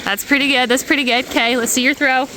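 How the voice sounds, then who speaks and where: A chatty young woman talks straight to her phone camera in a casual, upbeat vlog. Her voice sits a touch high, and loud background noise runs under the phone recording. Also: steady tone, fast talker. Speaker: author and vlogger. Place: outdoors on a lake island.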